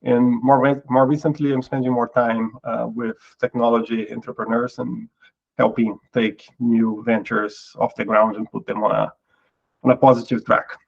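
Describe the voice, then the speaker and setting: Brazilian man, portuguese accent, middle-aged, interview guest, gravelly, thoughtful restarts, lo-fi audio. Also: mid-range voice, flat delivery, normal speed. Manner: thoughtful, frequent repeated words and restarts. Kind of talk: casual interview talk.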